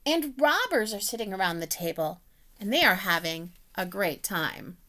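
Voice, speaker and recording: A woman's voice: mid-range voice, animated, normal speed, sharp tone. A woman reading a children's picture book aloud, as a teacher telling the story with voiced animal sounds.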